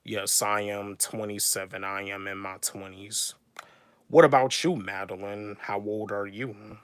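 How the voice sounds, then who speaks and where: A young man in his twenties talks to his viewers in a relaxed livestream, circling back to the same points again and again. His delivery is slow and unhurried, his voice bright and forward, and the sound is dry and close with no room around it. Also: lowish voice, clear, resonant tone, no echo. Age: 20s. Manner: repetitive, restates each point, calls out viewers by name. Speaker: YouTuber and rapper. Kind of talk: casual livestream chat with viewers.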